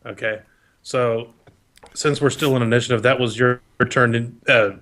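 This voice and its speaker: Bright-voiced male game master. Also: mid-range voice, steady tone, normal speed. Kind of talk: improvised narration of a tabletop game.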